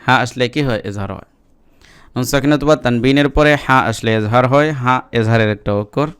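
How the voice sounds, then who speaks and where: A man teaching Quran reading, chanting verses slowly and then explaining the rules in quick Bengali. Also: medium pitch, fairly bright tone, clean tone. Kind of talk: spelling-out lesson with recitation.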